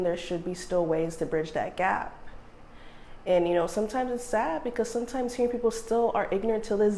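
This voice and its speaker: A woman sign language interpreter speaking in the first person, measured and earnest, with steady pauses. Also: mid-range voice, slight background noise.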